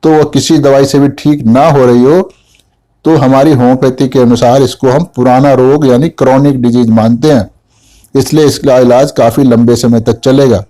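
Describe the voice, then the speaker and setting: A man's voice: medium pitch, steady tone, normal speed, mellow. A middle-aged man, a homeopathic doctor, narrating a patient case and voicing the mother's replies in first person.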